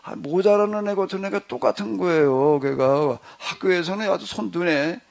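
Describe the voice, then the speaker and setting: A middle-aged male pastor telling a story to his congregation in a relaxed, conversational way, acting out the dialogue as he goes. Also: high voice, moderate pace, gravelly. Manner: conversational, animated retelling with quoted dialogue. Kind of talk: storytelling in a church discussion.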